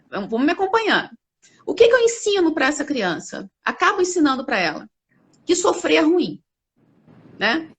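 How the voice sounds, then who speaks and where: A woman speaking as a company CEO guest in a live interview, explaining ideas with animated examples. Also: high voice. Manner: animated, acts out examples with lively voices.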